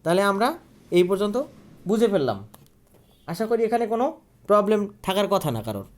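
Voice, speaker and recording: High-voiced man teaching grammar. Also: very animated, brisk. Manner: asks questions and answers them himself, repeating key words. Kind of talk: online grammar lesson.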